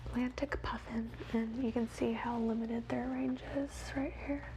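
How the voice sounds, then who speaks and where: A woman whispers wildlife facts in a soft, measured ASMR reading, as quietly as someone watching animals. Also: on the high side, little pitch movement, background noise. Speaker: ASMR host.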